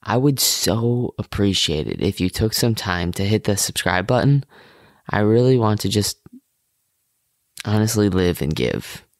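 A young man with a fairly low voice hosts a podcast in a friendly, casual way. He asks questions with easy fillers. The sound is close and dry. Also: lively intonation, measured pace, dry recording. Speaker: podcast host. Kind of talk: casual interviewing.

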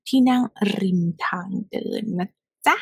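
A woman's voice: unhurried, no room sound. A woman teaching English pronunciation, repeating phrases over and over, often half-whispered, and teasing her students directly.

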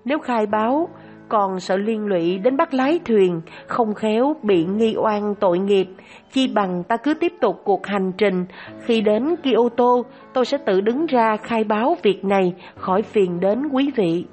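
A woman voicing a greedy, scheming male swordsman who turns killer, speaking in a storybook tale with feigned grief and smooth persuasion. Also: mid-range voice, expressive, unhurried, darkish tone, soft background music, close to an everyday voice. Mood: persuasive.

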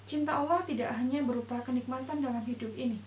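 A middle-aged woman, a religious teacher, giving a short, gentle and measured talk on faith, recorded indoors. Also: sits high. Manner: gentle, reflective, measured delivery. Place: indoor room before a patterned cloth backdrop. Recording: roomy echo with faint hum.

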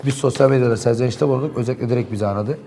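A man's voice: medium pitch, rapid-fire, dark tone, slight background noise. A man in a local TV studio, animatedly and indignantly recounting events in heated talk.

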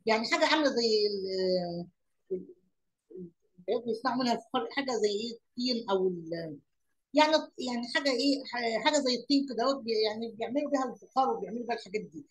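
A woman with an Egyptian Arabic accent teaches young pupils rapid-fire in an expressive voice on the high side. She mixes English lesson words into her Arabic explanations, repeats words and asks questions aloud. The audio is poor.

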